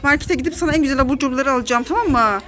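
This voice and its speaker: A woman's voice: high voice, very fast. A woman with a Turkish accent filming a family play vlog, talking to her children as their mother and warning them with lots of drama.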